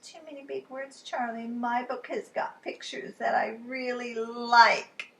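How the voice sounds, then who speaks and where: A woman voicing a small, excitable little girl who is obsessed with her favourite book, reading in a loud, pleading, whiny way. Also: fairly high pitch, a little slow, gravelly, recorded from a distance, a little hiss or hum.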